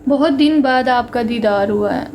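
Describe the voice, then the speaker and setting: A woman's voice: a little high, normal speed, a little mellow, slight background noise. A young woman with a Punjabi accent, chatting and joking with viewers on a casual livestream. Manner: chatty, joking and self-mocking, mixing Punjabi into Hindi. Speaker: livestream host.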